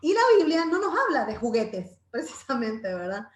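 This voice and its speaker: Woman leading a parenting bible class, high voice, echoey room, chatty, keeps checking in with the group. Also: big pitch swings, moderate pace. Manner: conversational, tags phrases with "¿verdad?"; acts out children's voices in quotes. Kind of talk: informal Bible parenting talk.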